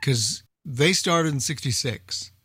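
An older man, an old-time radio expert on a group call, chats in a casual group discussion with a medium-pitched, expressive voice that is sharp with a breathy edge. He talks slowly, knowledgeable yet hesitant, thinking out loud as he goes.

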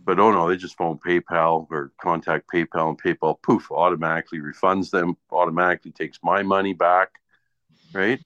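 Speaking at a moderate pace with little pitch movement, this man has a deep voice with a fairly bright tone. He runs a small business, sells online, and chats casually in a blunt, grumbling, sweary manner. The audio is dull lo-fi from an echoey room.

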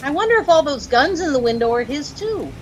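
An American actress plays a chirpy, easily dazzled young housewife in a 1940s radio comedy, gushing with breathless admiration and lightly scolding. Her high, sing-song voice moves fairly quickly, and the old-time radio recording is noisy.

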